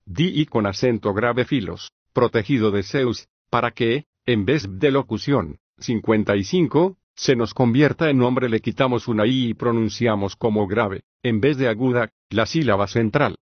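A man, read in a flat, even way, voicing a probing, ironic male ancient philosopher in an audiobook. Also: mid-range voice, normal speed, few pauses, no echo, dull audio, natural voice. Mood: explaining.

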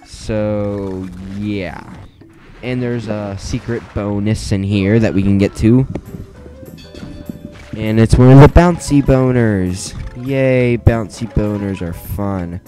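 A teenage boy with a lowish, warm voice talks slowly through casual let's play commentary, rambling and putting himself down with lots of fillers and restarts. He's close to a weak mic, so the audio is poor, and soft music plays in the background.

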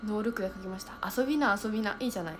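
A young woman chatting casually on a livestream, reading viewer comments aloud and thinking out loud as she reacts. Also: mid-range voice, racing, noisy background.

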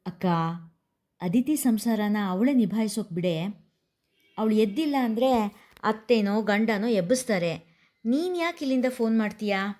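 A woman voicing a sensible middle-aged younger sister who teases and reasons calmly. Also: fairly high pitch, moderate pace, long pauses, pitched above the performer's own voice, lightly acted. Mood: teasing. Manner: teasing, reasoning.

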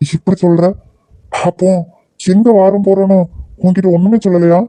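A man's voice: high voice, level tone, normal speed, mellow, no echo, natural voice, poor audio. A man voicing a protective young male friend in a cartoon drama, scolding and lecturing in Kanyakumari Tamil.

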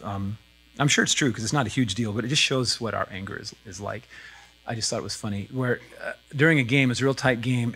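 A man preaching a sermon in a church, in a conversational way with frequent fillers, restarts and soft chuckles. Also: mid-range voice. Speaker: pastor. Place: church sanctuary.

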